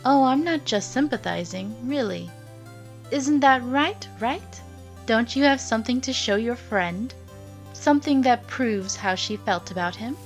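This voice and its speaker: A woman playing a composed, kindly and teasing mentor lawyer, measured and encouraging, in a visual novel fan dub. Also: fairly high pitch, expressive. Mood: gentle, knowing. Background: game music.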